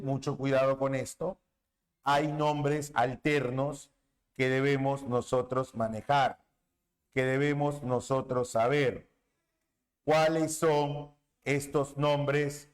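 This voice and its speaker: A man teaching a language lesson, repeating key terms and checking understanding with rhetorical questions. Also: a little high. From Peru. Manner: drawn-out emphatic stresses on terms. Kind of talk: classroom lecture on linguistics.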